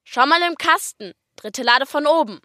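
A woman voicing a calm Austrian mom. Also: sits high, moderate pace, dry recording, clean studio sound, pitched above the performer's own voice. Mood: firm. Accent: Austrian German. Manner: calm, firm, organizing. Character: patient practical mother.

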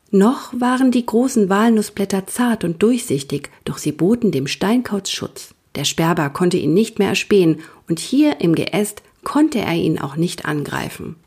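A woman reading a children's nature story aloud, soft and partly whispered. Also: mid-range voice, slightly rough.

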